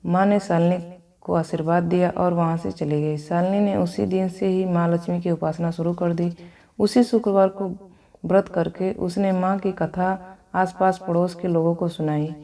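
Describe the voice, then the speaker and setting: A woman reading a devotional vow story aloud in a steady storytelling manner. Her voice is low-pitched and mellow. Now and then she slips and restarts a word. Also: normal speed. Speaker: narrator.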